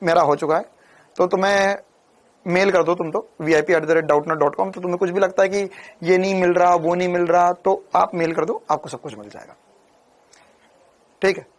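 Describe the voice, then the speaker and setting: The young physics teacher's voice sits high as he chats through a casual Hindi lecture at a normal speed, with long pauses. He treats the class like a group of friends.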